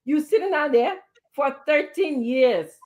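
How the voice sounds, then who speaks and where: A woman delivers heated political commentary on a talk show, her voice sitting a bit higher than most women's. She talks with indignant emphasis, repeating words as she builds up steam and firing off rhetorical questions. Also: animated, a little slow, narrow, tinny audio. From Liberia.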